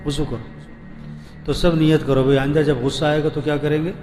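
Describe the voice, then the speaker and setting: Over background music, a high-voiced preacher addresses people seated before him, his accent Pakistani Urdu and his tone level. He asks rhetorical questions and repeats them, prompting the crowd to respond each time.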